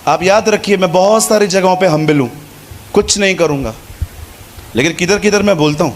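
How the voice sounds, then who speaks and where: A man with a high-pitched voice delivers a conversational sermon to a live congregation, repeating phrases for emphasis and slipping into short acted-out exchanges. A faint hiss sits under the recording. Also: brisk. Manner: conversational Hindi preaching with repetition and quoted dialogue. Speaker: preacher.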